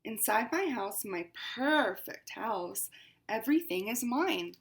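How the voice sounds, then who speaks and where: This fussy, haughty house cat, pampered and prone to exclaiming, comes from a woman reading a storybook aloud with great drama. She speaks slowly at a fairly high pitch, her intonation lively, in the role of a female-ish narrator.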